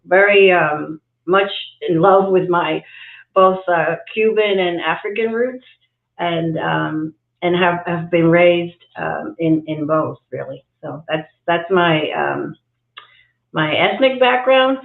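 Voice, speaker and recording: Slow and gravelly, this lowish female voice belongs to a guest executive coach who grew up in Cuba and New York City. Speaking thoughtfully on a livestream interview, she often uses fillers and restarts her sentences, heard over echoey, phone-like video-call audio.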